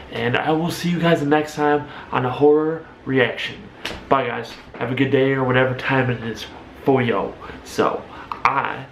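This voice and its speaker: A man's voice: medium pitch, vocal fry, roomy sound, slight background noise. A young adult man hosting a reaction video with casual, rambling, informal commentary. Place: small room at home, indoors.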